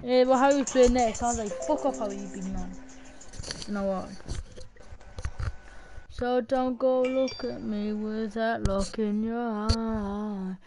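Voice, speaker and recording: High-pitched, unhurried sweary woman gamer. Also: steady tone, music in the background. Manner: sweary, blunt. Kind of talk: casual gaming chat. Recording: noisy gaming mic with clicks.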